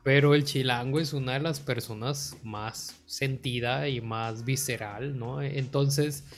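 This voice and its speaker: A man's voice: medium pitch, unhurried, soft background music. Slangy man telling stories. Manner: laughs easily, slangy, animated mimicry. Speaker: podcast guest. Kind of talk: casual storytelling chat.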